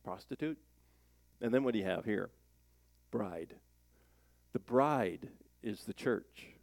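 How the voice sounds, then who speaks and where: A man preaching in a relaxed, conversational way, his fairly low voice carrying a gravelly edge. He often puts questions to the congregation and reads scripture aloud. The sound is dry and close, with no room around it. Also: no room sound. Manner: animated, plain-spoken, asks the congregation questions. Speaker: pastor. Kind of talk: conversational sermon.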